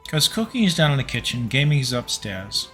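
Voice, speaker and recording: A man's voice: mid-range voice, big pitch swings, fairly quick, gravelly, a bit bright, faint music behind. A tipsy man hosting a home cooking livestream, rambling casually and talking to his chat viewers. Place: home kitchen.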